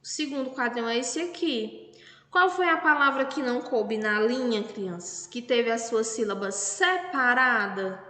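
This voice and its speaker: A Brazilian Portuguese woman teaching young children a lesson, talking slowly and patiently and spelling words out syllable by syllable. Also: a little high, sharp tone. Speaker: primary school teacher. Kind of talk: recorded remote class lesson. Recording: echoey room with long reverb.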